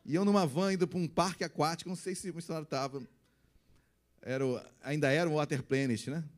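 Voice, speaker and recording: A man's voice: a little high, steady tone, fast talker. A man, a pastor preaching a sermon, emphatic and full of rhetorical questions to his congregation.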